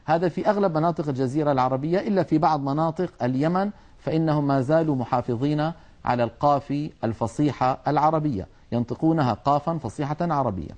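A man teaching Quran recitation, explaining letter sounds earnestly and sometimes scolding, drawing out his demonstrations slowly. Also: on the high side, a little mellow, dull audio. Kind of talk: tajweed lesson.

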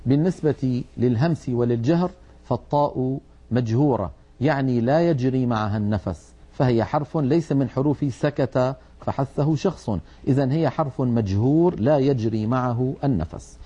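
A man teaching a Quranic recitation lesson, precise and methodical, slowly demonstrating how letter sounds are made. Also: mid-range voice, dark tone, dull audio.

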